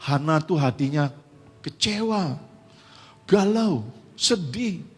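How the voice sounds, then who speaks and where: Husky high-voiced man preaching. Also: lively intonation, slow pace. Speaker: pastor. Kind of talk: sermon. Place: church sanctuary. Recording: long church hall reverb.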